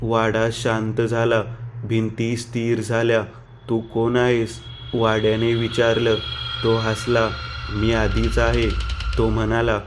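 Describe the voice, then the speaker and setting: A man narrating a scripted horror story in a slow, flat and ominous way. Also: on the low side, background noise.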